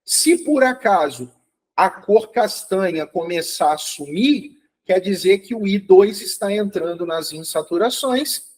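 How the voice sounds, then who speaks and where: A man's voice: high voice, expressive, a little slow, darkish tone, rough recording. A man teaching an online chemistry review live, upbeat and encouraging, checking often that students follow. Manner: calls out to students by name, checks understanding often.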